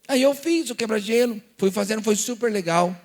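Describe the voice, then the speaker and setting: Man, Brazilian Portuguese accent, pastor, high voice, acts out dialogues, church seminar talk. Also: brisk, long reverb tail. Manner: animated storyteller acting out dialogues, asks rhetorical questions.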